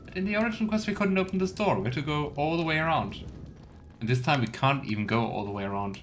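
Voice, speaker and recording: Over faint background noise and keyboard clicks, a game streamer gives casual, musing let's play commentary. His voice sits on the high side and moves fast, with playful asides tossed to his viewers.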